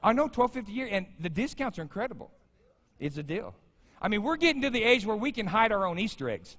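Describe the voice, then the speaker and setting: A man in his fifties delivering a sermon, chatting and joking with his congregation. His voice sits a little high and swoops animatedly up and down. The sound carries a long reverb from a large church sanctuary. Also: big pitch swings, quick pace, fairly bright tone. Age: 50s. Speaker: pastor.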